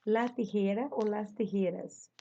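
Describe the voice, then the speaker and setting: A woman Spanish teacher with a Brazilian Portuguese accent, giving an online class, slowly repeating examples and explaining them. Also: mid-range voice, fairly even intonation, dark tone, dull audio.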